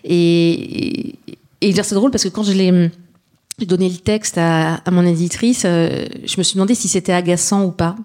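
Hesitant woman novelist, lowish voice. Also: steady tone, normal speed, a little mellow. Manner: hesitant, many restarts and fillers. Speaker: novelist answering readers. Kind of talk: spontaneous answering questions.

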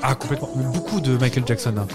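A man's voice: medium pitch, fast, loud music behind the voice. A man co-hosting a podcast in casual chat, playful and joking, rambling from one aside to the next. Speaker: podcast co-host.

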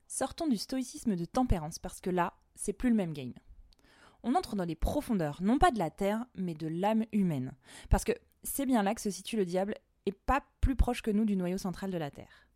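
A woman hosts a laid-back tarot podcast, joking and dropping bits of English slang as she goes. Her voice is soft and mellow. It sits close and dry, with almost no room sound around it. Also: mid-range voice, expressive, normal speed, no room sound. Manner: playful and slangy, mixing in English words. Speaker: podcast host and tarot reader. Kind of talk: casual podcast chat.

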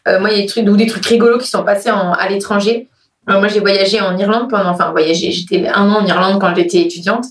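A woman's voice: medium pitch, fast, roomy sound, recorded from a distance. A woman hosting a casual podcast chat, telling travel stories with lots of laughter. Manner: animated storyteller, laughs often. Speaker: podcast host.

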